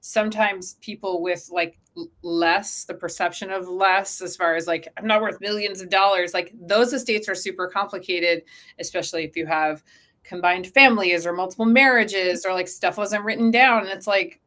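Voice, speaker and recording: Speaking at a moderate pace with a medium-pitched voice, this woman is a co-founder being interviewed. Her casual explanations are full of "like," and she acts out little quotes from imagined speakers as she goes.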